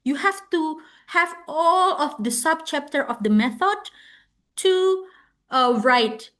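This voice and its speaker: Indonesian woman lecturer, high voice, non-native English, patient step-by-step explaining with restarts. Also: animated, takes it slowly, a bit bright. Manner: explanatory, repeats words and restarts. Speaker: webinar speaker. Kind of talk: online lecture.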